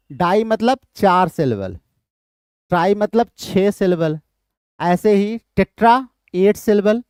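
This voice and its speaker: Slow, deliberate male lecturer. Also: high voice, a little mellow, clear, resonant tone, no echo, clean studio sound. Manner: slow, deliberate, repeats terms and greets students by name. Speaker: English literature teacher. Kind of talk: live online lecture in Hinglish.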